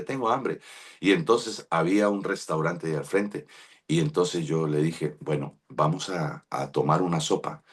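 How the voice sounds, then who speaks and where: Colombian pastor guy, middle-aged, low husky voice, telling his story in a sermon and doing the voices of the people in it. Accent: Colombian Spanish. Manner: storytelling, acts out quoted voices, addresses listeners by name.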